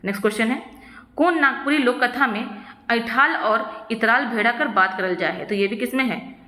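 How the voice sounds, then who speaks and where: Woman teacher going through exam questions, bright higher voice, repeats every answer, roomy echo. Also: moderate pace. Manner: asks a question then answers it, repeats answers, frequent "ठीक है". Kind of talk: solving practice questions. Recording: echoey room with long reverb.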